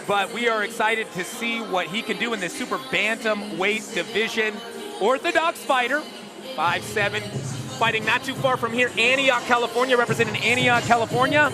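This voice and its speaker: A man giving casual live boxing commentary in halting, piecemeal phrases. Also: very high-pitched. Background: loud venue music.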